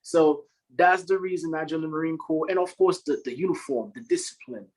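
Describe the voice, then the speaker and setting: Speaking fairly quickly in a fairly high voice, a Haitian man in his thirties, a Marine staff sergeant, chats casually as a podcast guest. He comes across as earnest and upbeat and laughs readily, though the recording is rough.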